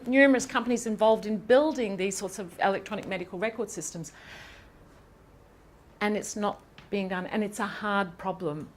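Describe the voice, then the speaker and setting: A woman professor giving a seminar lecture in a lecture hall, lively and chatty, with quick asides and questions to the audience. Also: on the high side. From Ireland.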